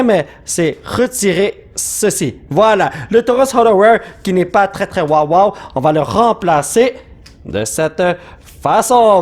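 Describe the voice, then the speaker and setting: Excitable high-voiced Quebec man, hoarse. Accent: Quebec French. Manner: excitable, rattles off card names, bursts into laughs. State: slightly hoarse from shouting. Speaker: YouTuber opening trading card packs. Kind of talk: excited card-opening vlog.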